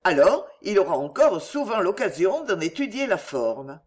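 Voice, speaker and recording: A man voicing a fervent, loyal young English gentleman in an audiobook, earnest and passionate. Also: high voice, big pitch swings, moderate pace.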